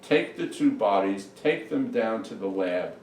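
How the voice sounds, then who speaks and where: A man's voice: lowish voice, animated, unhurried, a little mellow, a little hiss or hum. A man voicing Doctor Frankenstein, an eager male mad scientist, in a commanding, exclaiming way, recorded from far off in an echoey room. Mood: calm.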